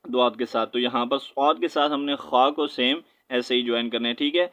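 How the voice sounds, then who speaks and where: A man with a Pakistani Urdu accent teaching Quran recitation, spelling out letters and vowel marks, then reciting slowly and drawn out, with quick low explanations. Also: fairly even intonation, fairly bright tone. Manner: explains quickly in a low aside, often asking "right?".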